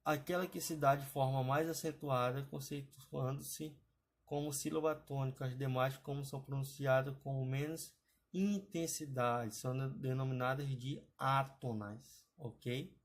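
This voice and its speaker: Speaking in a steady, mid-range voice at an unhurried pace, a man walks students through exam-prep grammar on slides. His explanations are punctuated by frequent "tá, pessoal?" check-ins.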